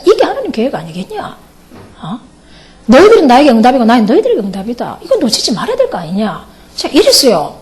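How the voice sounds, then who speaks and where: Middle-aged woman, pastor's wife, animated testimony sermon; high and expressive. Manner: animated, laughing, mimics others' voices. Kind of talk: lively testimony sermon to a camp.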